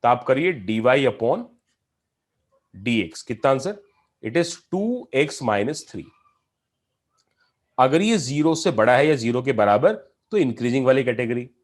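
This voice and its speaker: A man's voice: medium pitch, expressive, a little slow, pauses often. A man teaching a calculus lesson, explaining step by step and asking his students questions as he goes. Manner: mixes in English math terms. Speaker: math teacher. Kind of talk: classroom lecture on calculus.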